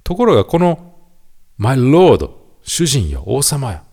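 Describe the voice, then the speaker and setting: A man with a Kansai accent giving a lively, quiz-style lesson on the English words heard in gospel songs. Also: medium pitch, slow pace. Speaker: teacher.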